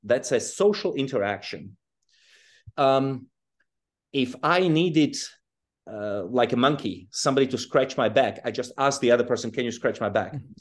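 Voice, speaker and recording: Interviewed over a video call, a man with roots in Czechoslovakia and South Africa lays out his ideas as a guest author in an easygoing, reflective manner. He keeps starting phrases over, laughs softly while explaining, and talks at a moderate pace in a mid-range voice.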